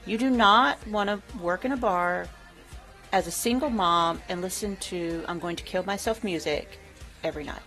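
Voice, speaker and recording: A woman's voice: fairly low pitch, normal speed, sharp tone, faint music behind. A middle-aged woman, hosting a livestream in a chatty way and laughing easily. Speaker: livestream host. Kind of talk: casual chat.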